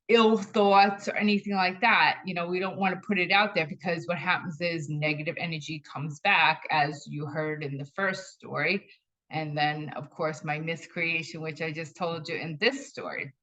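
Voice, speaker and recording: A woman's voice: low-pitched, a bit bright. A middle-aged woman talking casually about spiritual ideas, telling personal stories and repeating phrases for emphasis. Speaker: spiritual talk host. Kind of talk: casual spiritual talk to camera. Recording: dull lo-fi sound.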